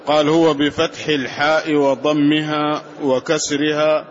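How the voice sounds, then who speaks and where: A man's voice: a little high, level tone, unhurried. A man reading a commentary aloud in class, reciting the quoted passages for the teacher. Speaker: student reading the text aloud. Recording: dull lo-fi recording.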